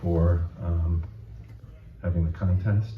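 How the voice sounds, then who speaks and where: At a live reading before an audience, a man with a very low voice gives an informal introduction and then reads his own poems in a deadpan, measured way. The event recording is dull and echoey, captured from well back in the room, with slight background noise.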